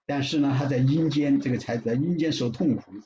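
A man preaching a sermon in an emphatic, repetitive way, with frequent drawn-out fillers. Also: medium pitch, mellow, a little hiss or hum. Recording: roomy, dull sound with faint ambience.

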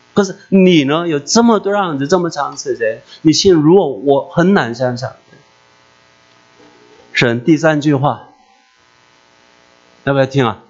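A man preaching a personal testimony in an emotional, animated way, often asking his listeners questions, recorded dull and lo-fi with a mains hum. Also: a little high.

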